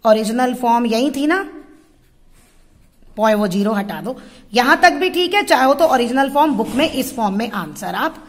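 A woman's voice: fairly high pitch, animated, normal speed, long reverb tail. A woman math teacher explaining a lesson step by step, asking her students questions and answering them herself. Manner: patient, asks and answers her own questions. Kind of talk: classroom-style tutorial explaining at a board.

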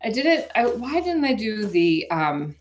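A woman's voice: mid-range voice, big pitch swings, measured pace, slight background noise. A woman in her forties, chatting in a rambling, casual way with viewers while baking live in her home kitchen, picked up by a camera on the counter. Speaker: vlogger hosting a live cooking stream.

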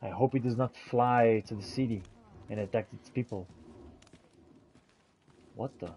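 A gamer roleplays as he plays, delivering theatrical, in-character commentary over video game ambience. His medium-pitched voice is warm and a little slow, and the recording has a little hiss or hum.

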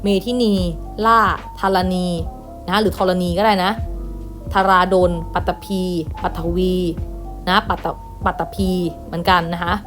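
A woman teacher giving an online lesson to primary pupils, reading words aloud one by one and gently repeating them. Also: fairly low pitch, steady tone, measured pace, soft background music. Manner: patient, reads each word aloud and repeats with gentle "na kha" tags. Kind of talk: online class lesson, reading word lists.

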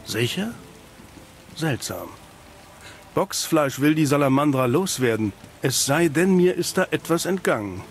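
A male actor performs scripted German-dub dialogue as a cynical, world-weary private detective in a fantasy video game, using a dry noir drawl. His voice sits on the high side, animated but measured in pace, with a businesslike, suspicious mood and a little hiss or hum.

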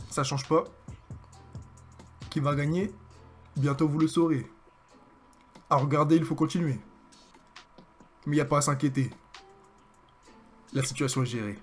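Young male streamer, French accent, excitable playful game commentary, slightly high voice, light music bed. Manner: excitable, joking, hyping his own plays. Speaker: gaming streamer. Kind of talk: live gameplay commentary.

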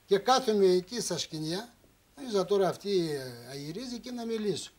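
High-voiced man telling a rambling story. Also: expressive, a little mellow. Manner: rambling, broken Greek with repeated phrases. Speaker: guest on a relationship talk show. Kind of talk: emotional storytelling. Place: television studio.

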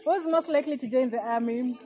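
High-voiced young Kenyan woman vlogger. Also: a loud crowd. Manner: playful, quick questioning. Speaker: vlogger asking tag questions. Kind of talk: casual chat mixing English and Swahili. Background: background music.

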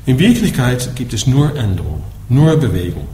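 This dharma talk comes from a man from the Netherlands teaching in German with a Dutch accent; his voice is medium-pitched, mellow and sing-song, at normal speed. He explains patiently, adding "ja?" after almost every point. It was recorded in an echoey room with faint noise.

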